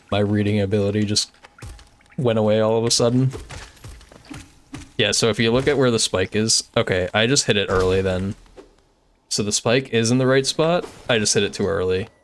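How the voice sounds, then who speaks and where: Young male game streamer, relaxed chat with viewers, slightly low voice, faint hiss behind. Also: moderate pace, pauses often. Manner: chatty and easygoing, many filler "like"s. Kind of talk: casual gameplay commentary, reading chat.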